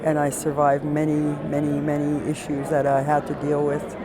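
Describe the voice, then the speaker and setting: A woman interviewed for the news speaks in a halting, emotional way. A crowd is clearly heard around her. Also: deep voice, completely flat delivery, low-quality recording.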